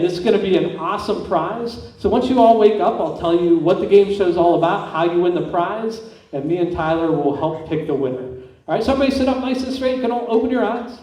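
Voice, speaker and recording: A stage hypnotist hosting a live comedy show gives volunteers simple, repeated instructions and questions. His voice sits high with a dark tone, captured from far off in the echoing hall of a large indoor school stage.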